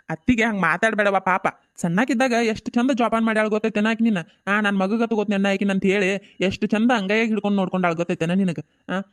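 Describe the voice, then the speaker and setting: A performer voicing a soothing village father in a cartoon comedy, coaxing and calming the others with a North Karnataka accent. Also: mid-range voice, smooth, close to an everyday voice. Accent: North Karnataka Kannada.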